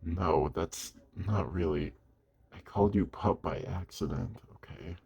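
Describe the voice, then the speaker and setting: A man plays a werewolf of the woods, gruff but caring, in an audio roleplay, addressing the listener with gentle protectiveness. His husky, gravelly voice is low-pitched, unhurried, and exaggerated, and the recording's highs are cut off. He sounds sheepish and teasing.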